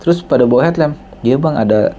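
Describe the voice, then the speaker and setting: A man tells a story quickly in a loose, casual podcast chat, his tone dark and mellow. He acts out the dialogue with lively energy, jumping up in pitch for the quoted voices, and a faint hiss of noise sits behind him.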